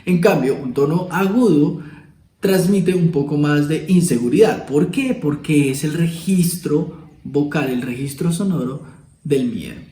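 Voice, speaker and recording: Speaking casually to camera, a male video host teaches communication by performing different emotional tones of voice as examples. He sounds warm and animated at a fairly high pitch and an unhurried pace, though the recording is low quality and reverberant.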